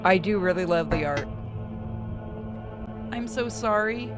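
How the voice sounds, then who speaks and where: With game music in the background, a streamer co-hosting a playthrough reads a visual novel aloud, chatting casually and swearing freely between lines of narration. The voice sits at medium pitch, expressive and unhurried.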